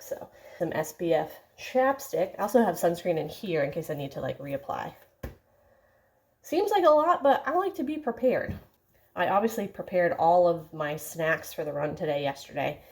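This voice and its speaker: A woman's voice: on the low side, a little mellow. A woman vlogger chatting casually to camera in an informal, self-deprecating way full of "like".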